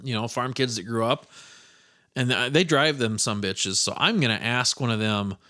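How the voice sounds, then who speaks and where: A man's voice: mid-range voice, normal speed, pushed and bright. Man from Iowa, podcast host, casual storytelling, profane, rambling, self-mocking.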